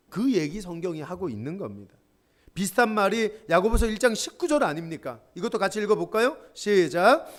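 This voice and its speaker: Preaching to young adults, a middle-aged pastor has a high voice that jumps widely up and down. He acts out his personal stories and guides the group through call-and-response readings.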